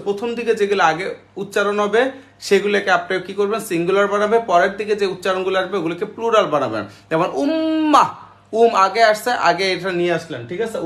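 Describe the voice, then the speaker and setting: A man teaching an online English grammar class, spelling words out slowly and checking with the class after each step. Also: sits high, a bit bright. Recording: roomy echo.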